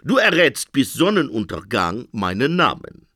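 A man's voice: medium pitch, wildly swooping pitch, measured pace, sharp tone, no room sound, clean studio sound, heavily acted. A man voicing a smug, mocking little impish man in a comic fairy-tale reading.

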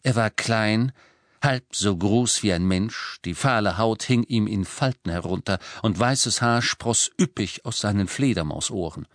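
A man narrating a storybook as an audiobook, measured and expressive. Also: on the low side, no room sound, studio quality. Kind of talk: scripted narration.

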